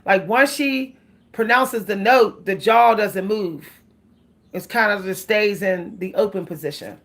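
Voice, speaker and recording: A woman with a medium-pitched voice hosts a casual livestream at an unhurried pace. She chats with her viewers, laughs often and breaks into song.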